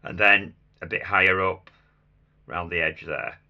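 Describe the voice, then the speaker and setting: A man with a croaky, hoarse voice giving a casual hands-on craft demonstration, muttering small asides to himself as he works. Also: low voice, unhurried, dull audio. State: hoarse after a chest infection. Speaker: craft tutor demonstrating sugar flowers.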